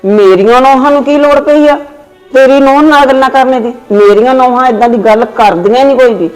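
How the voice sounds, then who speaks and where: A man's voice: very high voice, smooth, faint music behind, low-quality recording. A man acting as a proud, bossy older mother-in-law who stands up for her daughters-in-law in a family skit. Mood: indignant. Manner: quick, indignant, defensive.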